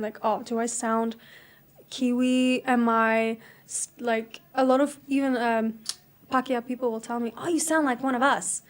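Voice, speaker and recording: A young adult South African woman with a slightly high voice is a guest in a casual interview, chatting reflectively and laughing easily.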